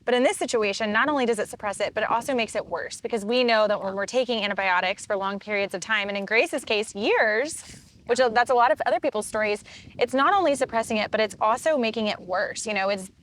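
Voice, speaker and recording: A woman's voice: fairly high pitch, fast, a bit bright. A woman health practitioner speaking earnestly and with passion in a podcast interview. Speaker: functional medicine provider. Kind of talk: casual interview. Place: farm, recorded on location.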